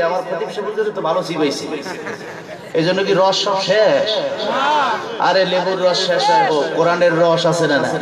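A man preaching a humorous sermon at an outdoor religious gathering, telling jokey stories and repeatedly pressing the audience to answer him. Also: sits high. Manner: jokey storytelling, keeps demanding answers from the audience. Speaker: Islamic preacher. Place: open-air religious gathering on a field. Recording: echoey, distant, with crowd behind. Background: large listening crowd.

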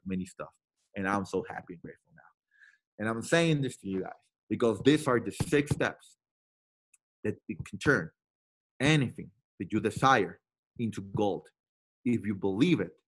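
A man giving a motivational training talk to a sales team. He is emphatic and repeats himself, swinging between loud bursts and quiet asides. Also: on the low side. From Latin America.

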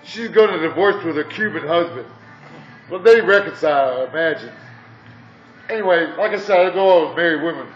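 A rambling, crude man in his fifties from Indiana drifts from story to story with chuckles in between, his voice pitched fairly high. He is heard from across a very echoey coffee shop on a dull, muffled recording. Faint music plays behind him. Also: brisk, distant mic. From Indiana, USA. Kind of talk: rambling monologue.

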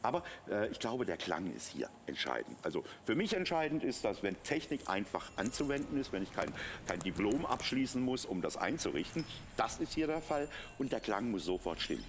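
Fairly low and sing-song, his voice moves fairly quickly with a little hiss or hum behind it. In a TV shopping studio, this middle-aged presenter pitches a product through an unscripted live demo, sounding chatty and enthusiastic and hammering points home through repetition.

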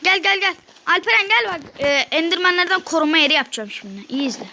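A woman playing a video game with her son, giving quick orders and scolding. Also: very high-pitched, animated, bright, forceful tone. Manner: bossy, hurried, calls out orders. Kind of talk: casual gameplay chat. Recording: noisy home recording.

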